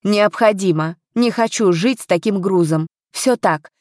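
A woman's voice: mid-range voice, a little slow, darkish tone, no room sound, clean studio sound, close to an everyday voice. A woman voicing a remorseful young nobleman who confesses in a grave, sober tone.

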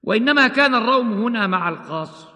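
A man teaching the rules of Quran recitation, explaining each rule and then slowly chanting the examples. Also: very high-pitched, expressive, bright, forceful tone, in a large hall. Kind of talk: tajweed lesson with chanted examples.

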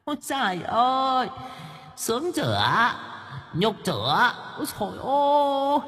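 A man's voice: big pitch swings, a little slow, bright, forceful tone, big-room sound, exaggerated voice. A man voicing a gleeful female ghost who cackles and mocks from a treetop in a storybook tale. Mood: gloating. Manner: shrill mocking cackle.

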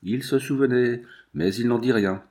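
A man reading a novel aloud with measured, dramatic scripted narration. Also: medium pitch, a little mellow. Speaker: audiobook narrator.

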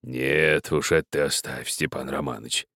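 A man voicing a pious old peasant miner who speaks slowly and gravely, preaching and pleading in an older man's voice. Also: rumbling low, steady tone, fairly bright tone, no room sound, clean studio sound, pitched below the performer's own voice. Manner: slow, grave, moralizing.

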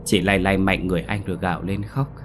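A man narrating a scripted ghost story in a steady, solemn reading. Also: sits low, quick pace, a little hiss or hum.

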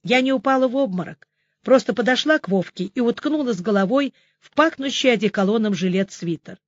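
A woman narrating a novel in first person, brisk and ironic. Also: on the high side, animated, dry recording, dull audio. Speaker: audiobook narrator.

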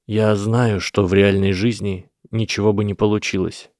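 A man's voice: fairly low pitch, flat delivery, normal speed, no echo, clean studio sound, close to an everyday voice. A man doing a shy, hesitant young boy. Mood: quiet. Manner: quiet, hesitant. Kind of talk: audiobook character voice.

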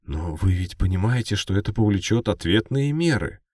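A man's voice: fairly low pitch, sing-song, moderate pace, no room sound, clean studio sound, far from the mic, voice pushed up. A man voicing an anxious half-elf television news presenter, formal and insistent, in a fantasy audiobook. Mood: nervous, insistent.

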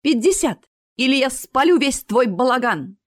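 A woman voicing a bold, quick-tempered young sorceress in an audiobook. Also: a little high, very animated, no echo, clean studio sound. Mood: spirited. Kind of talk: audiobook character reading.

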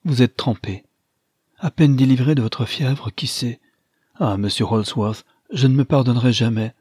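A man's voice: medium pitch, normal speed, darkish tone, breathy edge, no echo, clean studio sound, lightly acted. A man reading an audiobook, voicing a fretful young woman in a fretful, apologetic way. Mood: anxious. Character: young woman, earnest and anxious.

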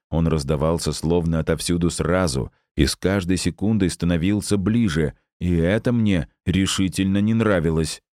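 A man narrating a first-person science fiction story as an audiobook reader, in a steady storytelling manner. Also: sits low, dry recording, clean studio sound.

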